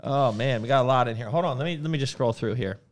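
Co-hosting a relaxed brand livestream, a man with a mid-range voice talks at a quick clip, laughing and playful as he reads out viewer comments.

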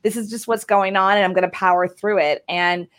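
Woman host, upbeat and encouraging, medium pitch, long quick runs of talk, video-call audio. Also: fairly even intonation, fairly bright tone. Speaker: podcast host. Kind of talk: casual interview chat.

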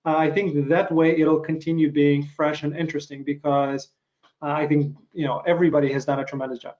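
A man interviewing a guest on a video call, rambling and self-deprecating, with frequent halting restarts. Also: on the high side, little pitch movement, muffled recording. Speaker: interviewer host. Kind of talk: casual interview chat.

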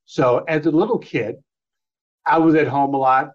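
A man's voice: on the high side, steady tone, moderate pace. A middle-aged man telling a personal story as an interview guest, in a loose, rambling way, acting out old phone calls in different voices. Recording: slightly dull lo-fi audio.

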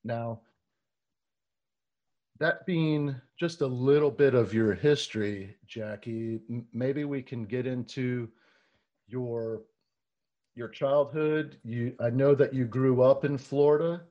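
A man hosting a podcast, reading a measured introduction and then asking questions with frequent ums and uhs. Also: mid-range voice, dull audio. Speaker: podcast host. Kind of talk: scripted intro then casual interview.

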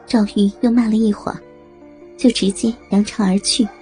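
A woman narrating a story in a steady, matter-of-fact reading voice. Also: mid-range voice, moderate pace, soft background music.

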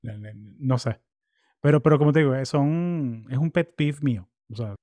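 A man's voice: mid-range voice, moderate pace, no room sound. A man, hosting a casual interview in a chatty, slangy way. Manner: chatty, slangy, animated asides. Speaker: podcast host.

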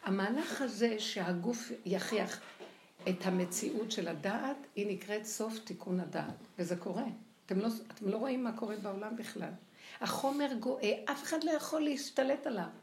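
Older woman lecturer, animated and gravelly, recorded in a roomy space. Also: mid-range voice. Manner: animated, acts out quoted voices. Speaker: religious teacher. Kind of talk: lively spoken Torah lecture. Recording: echoey room with faint noise.

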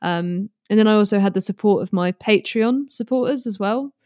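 Appearing as a podcast guest, a guitarist and online creator (a British woman in her early twenties) talks in a candid, informal, rambling casual chat. Her medium-pitched voice has a darkish tone and a moderate pace. There's no room sound, and the audio is clean studio quality.

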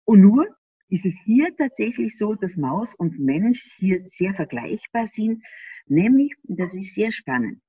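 Unhurried and mellow, with a breathy edge and big swings in pitch, a medium-voiced Austrian woman answers interview questions in an animated manner. Her Austrian German accent comes through as she laughs often and asks rhetorical questions. The recording is dry, slightly dull, and echo-free.

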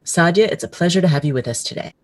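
A woman's voice: on the low side, lively intonation, fast talker, dry recording. A woman hosting a podcast, reading formal introductions and asking questions. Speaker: podcast host. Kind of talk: podcast interview.

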